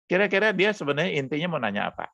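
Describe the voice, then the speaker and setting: A hoarse male pastor teaching an online session, coaxing answers from participants with questions. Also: fairly high pitch, big pitch swings, very fast, bright, forceful tone, no room sound, highs cut off. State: hoarse throat. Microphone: online meeting mic.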